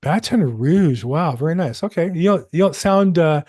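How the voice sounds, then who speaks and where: A man with a fairly high voice coaches real estate agents on a group video call. He talks in an animated, encouraging way, dropping in self-deprecating jokes. The sound is that of a call microphone. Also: normal speed. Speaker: probate coach hosting a live call.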